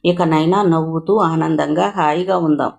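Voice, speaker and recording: A woman reading a novel aloud, voicing an earnest young man who pleads calmly and tenderly in a low, steady tone. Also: normal speed, vocal fry. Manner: calm, low-voiced pleading.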